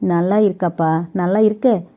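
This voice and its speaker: A woman's voice: lowish voice, steady tone, moderate pace, muffled recording, lightly acted. A woman voicing a scheming, sarcastic older male crime boss. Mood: gloating. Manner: scolding, sarcastic drawl.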